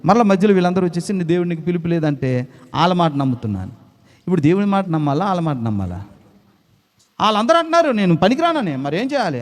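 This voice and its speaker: Impassioned Telugu pastor with swooping pitch. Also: male voice. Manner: swings between loud proclaiming and low intimate tones. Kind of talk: sermon. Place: church.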